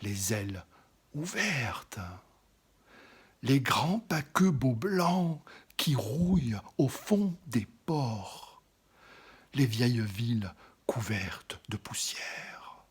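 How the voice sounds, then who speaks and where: Slowly and dramatically, a man recites poetry in a sing-song, mid-range voice with a breathy edge. He often sinks into an intimate whisper, then swells louder on certain phrases.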